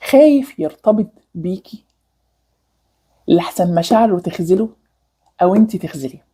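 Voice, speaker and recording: A woman's voice: medium pitch, lively intonation, normal speed, warm tone, slightly rough. A woman with an Egyptian Arabic accent hosting a relationship advice channel, explaining earnestly and repeating key phrases for emphasis, with English words mixed in. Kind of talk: talking to camera about relationships.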